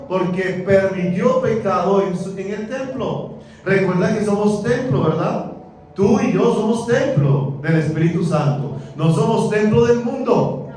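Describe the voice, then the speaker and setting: Preacher in an echoey church. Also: male voice, high-pitched, slight background noise. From Colombia. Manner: animated, asks the congregation questions. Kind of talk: sermon. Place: church hall. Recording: echoey church, mic far off.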